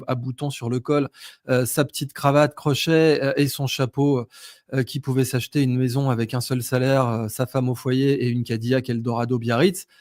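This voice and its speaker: A man hosting a relaxed chat about money and markets. His delivery is slangy and lively, and he keeps a conversational pace. The sound is dry and close, with no room echo. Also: mid-range voice. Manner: slangy, animated, stops to check charts. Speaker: host. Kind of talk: casual market commentary chat.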